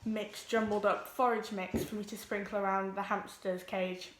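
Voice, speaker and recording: A teenage girl talks to her camera at home. She sounds nervous, rushes along and fills gaps with ums. Her voice sits in a middle pitch, and the room around her is echoey. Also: level tone. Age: teens. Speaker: vlogger. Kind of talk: casual vlog introduction.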